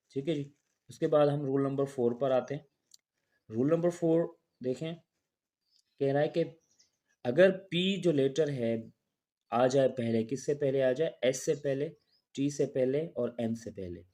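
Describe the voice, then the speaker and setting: A man's voice: mid-range voice, warm tone. A man teaching an English pronunciation lesson, explaining rules step by step. He talks patiently, repeats each rule and example, and asks questions that he answers himself.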